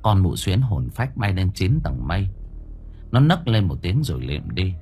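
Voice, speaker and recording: Husky storyteller man. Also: low voice, big pitch swings, moderate pace, darkish tone, faint music behind. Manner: vivid, dramatic storytelling. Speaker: audiobook narrator. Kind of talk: scripted story narration.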